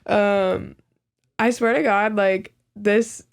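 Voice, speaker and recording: A woman's voice: mid-range voice, fairly even intonation, slow, vocal fry, clear, resonant tone. A young woman from California, a singer and actress, chatting casually as a podcast guest, laughing often and filling her talk with "like". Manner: laughs often, lots of "like" fillers.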